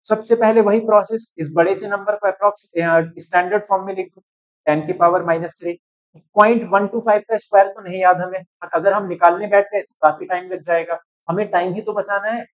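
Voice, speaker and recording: A man's voice: sits high, a little fast, lo-fi sound. Man teaching math step by step. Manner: steady explaining, checks in with students often. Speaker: chemistry teacher. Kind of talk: chalkboard-style math walkthrough.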